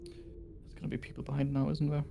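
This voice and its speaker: A man's voice: medium pitch, wildly swooping pitch, brisk, vocal fry, warm tone, slight background noise. A man playing a tabletop game, chatting casually in a hesitant, rambling way. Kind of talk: casual chat.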